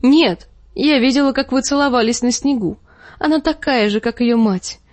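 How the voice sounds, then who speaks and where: A shrill, high-pitched noblewoman, as a woman reader puts her on, screeching her jealousy through tears. Her voice sits high and sounds dry and close, with no room around it. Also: moderate pace, no room sound, close to an everyday voice. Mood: shrill hysterical.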